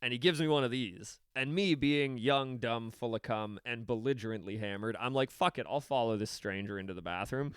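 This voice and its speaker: A man's voice: medium pitch, brisk, hardly any pauses, smooth, dry recording, studio quality. A young man co-hosting a podcast, telling a story in casual, profane chat and acting out quotes. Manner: animated, profane, acts out quotes. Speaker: podcast co-host.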